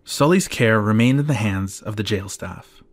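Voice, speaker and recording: A man giving scripted documentary narration in a measured, factual way. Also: lowish voice. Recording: narration over clear music bed.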